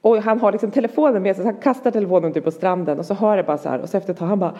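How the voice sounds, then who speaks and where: A woman in her forties, chatting casually as a podcast co-host and telling a lively story with casual swearing. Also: mid-range voice, highs cut off. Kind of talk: casual chat.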